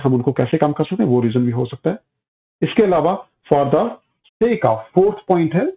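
Male physics teacher, higher-pitched voice, patient step-by-step lecture, phone-like sound. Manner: explains step by step, asks and answers his own questions; addresses students as "beta". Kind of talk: classroom lecture. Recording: tinny phone-like audio.

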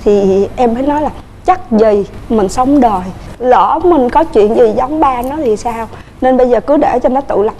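A woman with a Southern Vietnamese accent, a guest on a TV couples show, telling her family story quickly and earnestly in a studio. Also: fairly high pitch, mellow, slight background noise. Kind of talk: emotional personal storytelling.

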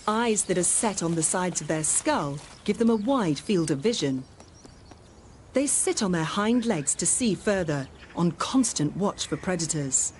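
A woman's voice: fairly low pitch, a little mellow, a little hiss or hum. A woman reading scripted narration for a nature documentary.

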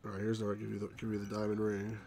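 A man's voice: on the low side, monotone, racing, a little mellow. A middle-aged man giving casual commentary as the host of a let's play. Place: small room at home, indoors. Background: faint game music.

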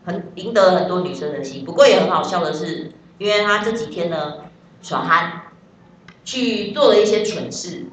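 A woman's voice: medium pitch, a bit bright. Taiwanese woman, chatty joking English teacher, distant mic in an echoey classroom. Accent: Taiwanese Mandarin. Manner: chatty and joking, spelling words out. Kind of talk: classroom lesson.

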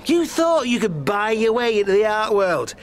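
An actor playing an earnest, touchy sidekick in a comedy radio drama, with music underneath. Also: male voice, high-pitched, very animated, normal speed. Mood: defensive.

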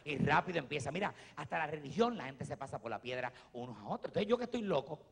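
Animated Puerto Rican comedian on a theater stage. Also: male voice, quick pace, creaky, slightly rough. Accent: Puerto Rican Spanish. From Puerto Rico. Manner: animated, swings from low asides to loud shouts. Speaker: stand-up comedian. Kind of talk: stand-up comedy. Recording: live theater with long hall reverb.

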